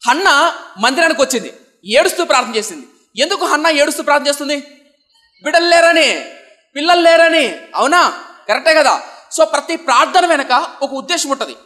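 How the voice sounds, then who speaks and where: A young man from Andhra Pradesh, India, preaching a sermon, asking the congregation rhetorical questions and swinging between loud emphatic lines and soft low passages. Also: expressive, quick pace. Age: young adult.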